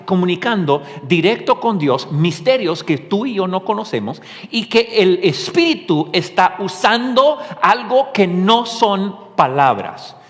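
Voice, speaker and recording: Animated preaching man, lively pitch. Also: in a large hall. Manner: animated preaching with rhetorical questions. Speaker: pastor. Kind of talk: sermon.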